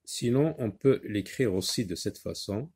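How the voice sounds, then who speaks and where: A man's voice: lowish voice, lively intonation, a little slow, a little mellow, slightly rough. A man teaching a reading and handwriting lesson, patiently talking the class through each step.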